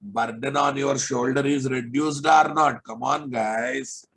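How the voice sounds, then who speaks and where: A man teaching a live online software class, sternly repeating phrases and checking that students follow. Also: mid-range voice, fairly even intonation, slow, a little hiss or hum. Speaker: programming instructor.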